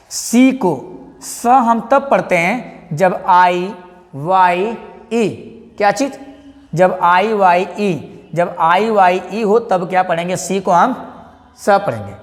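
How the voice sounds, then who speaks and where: A man's voice: sits high, big-room sound. A man teaching an English lesson. He keeps asking his class questions, answers them himself and repeats each word.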